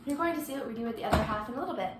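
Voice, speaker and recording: High-pitched woman giving an echoey cooking tutorial. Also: lively intonation. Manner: halting, instructing in short fragments. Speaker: home baking presenter. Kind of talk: casual step-by-step cooking tutorial. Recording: roomy echo, clearly noisy background.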